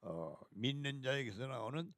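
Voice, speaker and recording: A man's voice: medium pitch, expressive, fairly bright tone, no room sound, clean studio sound. A man preaching a fiery sermon, scolding harshly and hurling coarse insults. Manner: sings a hymn slowly.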